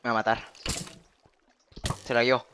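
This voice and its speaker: A young man talks through his survival game as he plays. He keeps repeating himself in exasperated disbelief, and his voice sits at an ordinary middle pitch. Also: level tone, unhurried, background noise. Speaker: gaming youtuber. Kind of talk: Minecraft let's play commentary.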